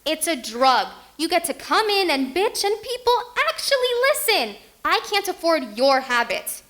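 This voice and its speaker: An actress playing a troubled, guarded young woman, singing slow musical-theatre ballad lines. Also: very high-pitched, sing-song, heavily acted. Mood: furious. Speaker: lead singer in a stage musical. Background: loud piano accompaniment.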